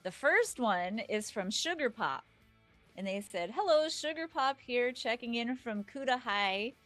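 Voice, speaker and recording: A woman co-hosting a live stream, soft-spoken and giggly, chatting and reading viewer messages aloud. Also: fairly high pitch, expressive, measured pace, faint music behind. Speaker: co-host.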